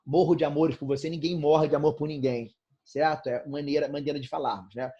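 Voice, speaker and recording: Brazilian male teacher, slightly husky voice. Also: fairly high pitch, fairly even intonation, brisk, dark tone, dull audio. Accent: Brazilian Portuguese. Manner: casual, fillers like "né, cara?" and "tranquilo?". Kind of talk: online class lecture. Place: bedroom at home.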